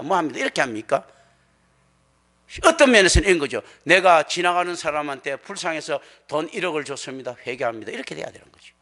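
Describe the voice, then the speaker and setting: A pastor preaching a sermon in a church, animated and acting out the voices he quotes. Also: high voice. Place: church sanctuary.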